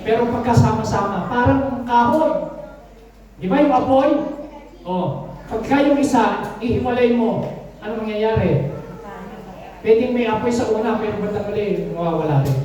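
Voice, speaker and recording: Woman pastor preaching in church, high-pitched, roomy and distant. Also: darkish tone. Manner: call-and-response, often calling out "Amen". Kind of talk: sermon. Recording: echoey room, mic far off.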